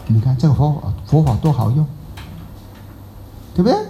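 A man's voice: fairly high pitch, lively intonation, normal speed, mellow, a little hiss or hum. A man teaching a Buddhist class in a chatty, teasing way, quizzing his listeners. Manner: chatty, teasing, asks the audience questions. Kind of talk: Dharma talk to a class.

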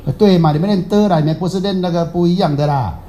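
A man's voice: sits high, fast talker, dark tone, a little hiss or hum. A man teaching a Buddhist class in a chatty, teasing way, quizzing his listeners. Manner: chatty, teasing, asks the audience questions. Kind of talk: Dharma talk to a class.

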